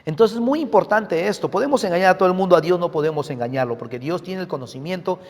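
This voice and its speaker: A man's voice: sits high, lively intonation, fast. A man preaching a sermon as pastor, speaking emphatically and checking in with his congregation through questions. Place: church. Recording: long reverb of a church hall.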